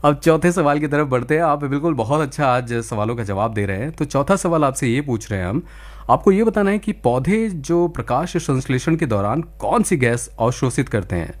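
A man's voice: medium pitch, animated, moderate pace. A man hosting a live radio phone-in quiz, politely encouraging and wordy, slipping some English into his talk.

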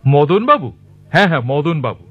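A man's voice: fairly high pitch, sing-song, moderate pace, husky. An actor playing a callous, complaining male junior municipal worker, exasperated in a comic audio drama. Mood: wry complaining. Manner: exasperated, agreeable to his colleague. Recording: dull lo-fi recording.

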